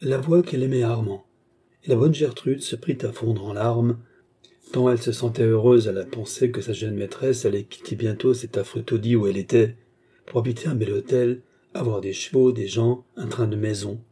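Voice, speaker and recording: A man reading a classic novel aloud in a measured storytelling manner. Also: medium pitch, fairly even intonation, warm tone, husky. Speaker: audiobook reader. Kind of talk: scripted narration.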